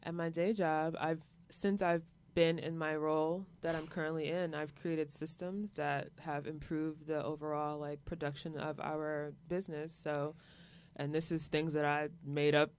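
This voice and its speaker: A woman's voice: deep voice, flat delivery, unhurried, darkish tone, a little hiss or hum. A woman in a casual chat who talks thoughtfully and asks questions about work.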